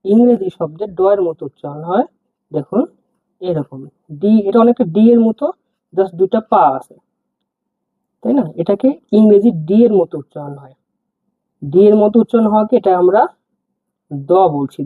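A man's voice: sits high, dry recording. A man teaching the alphabet step by step, spelling out letters and repeating each word with its meaning. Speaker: language teacher. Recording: tinny phone-like, husky and dry.

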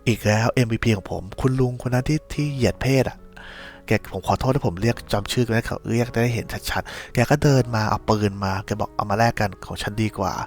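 A man's voice: mid-range voice, fairly quick, darkish tone, soft background music. A man hosting a podcast, telling a casual spoiler recap of a series in a rambling, slangy way with many restarts. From Thailand.

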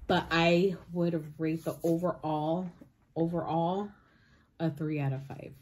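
A woman vlogger chatting casually as she reviews pizza, pausing often with fillers and "like". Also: on the low side, fairly even intonation, darkish tone. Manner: hesitant, many fillers and "like". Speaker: mukbang vlogger. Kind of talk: casual food review chat.

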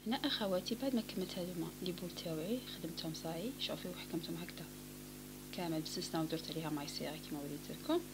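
A woman with an Algerian Arabic accent giving a calm step-by-step crochet tutorial, often dropping to a near whisper. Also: lowish voice, racing. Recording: home recording with clear background noise.

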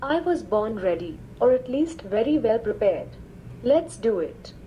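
This synthetic female assistant voice gives polite replies to questions from a small smart speaker in a room, its pitch on the high side and its pace measured. Delivery is even and machine-read. The audio is poor, with a little hiss or hum.

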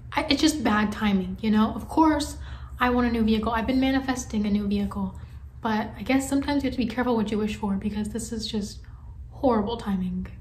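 A woman's voice: fairly high pitch, normal speed, a little mellow. A young woman in her twenties talking candidly to her phone camera in a casual vlog, first from inside her car and later from a room. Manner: chatty, candid, slightly nervous. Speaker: vlogger. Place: inside a parked car, then an indoor room. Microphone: phone camera at arm's length.

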